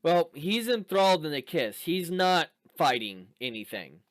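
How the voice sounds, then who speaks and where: A man running a tabletop game as game master, describing scenes with pauses and fillers. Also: a little high, big pitch swings.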